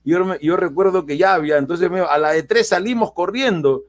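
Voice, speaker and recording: Man, somewhat high voice, animated storytelling, acts out quotes, many restarts. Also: fairly quick. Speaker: guest. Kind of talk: casual storytelling chat.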